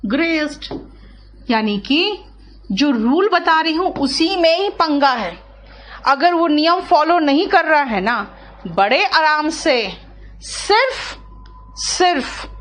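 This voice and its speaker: Female teacher, high lively voice, slow deliberate classroom delivery. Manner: explains slowly, drawing out words syllable by syllable; asks students questions, checks understanding. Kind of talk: classroom grammar lesson.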